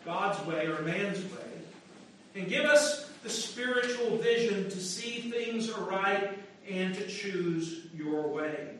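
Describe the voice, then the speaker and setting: A man leading liturgical prayers as pastor, intoning in a measured, solemn way, his voice ringing through a large church. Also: high-pitched, a bit bright, distant mic, a little hiss or hum. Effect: large church echo. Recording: echoey church heard from afar.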